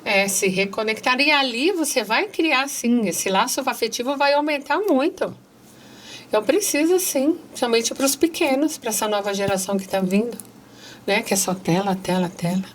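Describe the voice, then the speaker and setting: A woman's voice: fairly high pitch, expressive, moderate pace, a little hiss or hum. A middle-aged woman with a Brazilian accent, speaking earnestly as a guest, reading passages aloud and addressing listeners directly.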